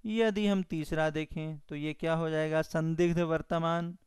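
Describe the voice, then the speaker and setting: A man teaching Hindi grammar in an online exam-prep lesson, with a Bihari Hindi accent, repeating definitions slowly word by word for students to copy down. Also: fairly high pitch, steady tone, darkish tone, clear, resonant tone, dry recording, clean studio sound. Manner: slow, repetitive dictation of definitions.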